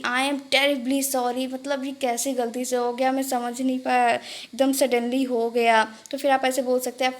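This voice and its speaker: A woman with a high voice teaches everyday English phrases in a relaxed, chatty way. She says each phrase slowly and repeats it. She keeps calling the viewers "guys". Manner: addresses viewers as "guys" often. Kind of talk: casual spoken-English lesson.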